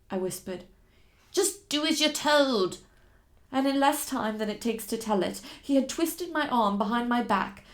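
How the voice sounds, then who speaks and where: Woman reading a dramatic storybook. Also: a little high. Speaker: reader of a novel. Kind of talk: first-person storybook narration.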